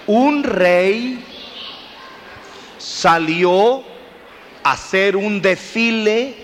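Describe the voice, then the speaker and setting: A high-pitched man, preaching a children's sermon in an animated storytelling voice, taking his time and quizzing the listeners as he goes. His voice rings through a large hall with a long reverb and a faint hiss. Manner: storytelling, animated, addresses the audience with questions.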